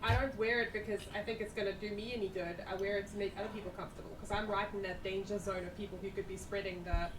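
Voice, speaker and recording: A woman chatting casually and rambling with friends on a stream, self-mocking and animated. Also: mid-range voice, fast talker, hardly any pauses. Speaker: stream co-host. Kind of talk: casual chat among friends. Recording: distant mic, roomy echo, noise.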